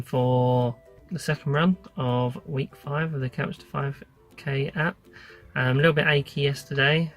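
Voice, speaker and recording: A British man in his thirties talks casually to his phone in a parked car. His medium-pitched voice stays fairly monotone, with a noticeable gravelly fry. He is unscripted and a little hesitant, in the way of an everyday vlogger. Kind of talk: casual vlog talk to camera. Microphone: phone at arm's length.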